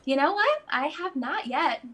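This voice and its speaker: A woman guest in casual conversation, chatty and quick to laugh, with lots of fillers. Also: high voice, big pitch swings, fairly bright tone. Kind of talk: casual chat.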